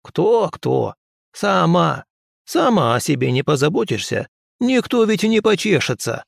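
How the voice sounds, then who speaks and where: A man's voice: on the high side, very animated, measured pace, gravelly, no room sound, clean studio sound, voice pushed up, heavily acted. A man voicing a shrewd, bossy old village wise woman with a folksy, scolding manner. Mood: grumbling. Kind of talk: audiobook character voice.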